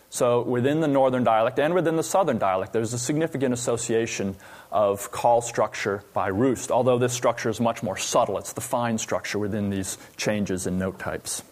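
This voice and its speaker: Man giving an academic lecture. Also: medium pitch. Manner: explanatory, pausing with frequent "uh" fillers.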